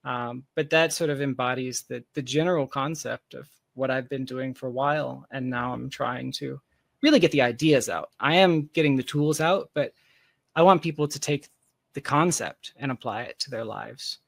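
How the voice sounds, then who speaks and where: This interview guest, a software founder, has a creaky, medium-pitched voice and speaks at normal speed with no echo. He discusses his work in a casual, candid way, peppered with emphatic, self-deprecating remarks.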